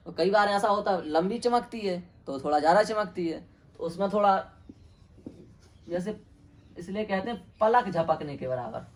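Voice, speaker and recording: Hindi-speaking man teaching grammar. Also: sits high. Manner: asks students questions and answers them himself, repeating terms. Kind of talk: classroom grammar lesson.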